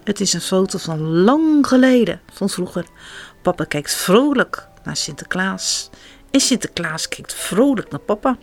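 Lively woman reading a children's story. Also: mid-range voice, a little slow, gravelly, faint music behind. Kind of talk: reading a children's book aloud.

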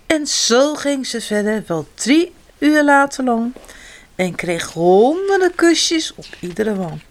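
Woman reading a picture book to kids, slow, sing-song, very expressive pitch. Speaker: children's storyteller. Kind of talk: reading picture books aloud to children.

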